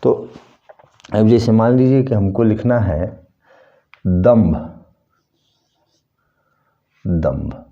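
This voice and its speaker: A man's voice: lowish voice, steady tone, measured pace, long pauses, narrow, tinny audio. A man teaching a Hindi lesson at a board, explaining step by step and using a short story as an example.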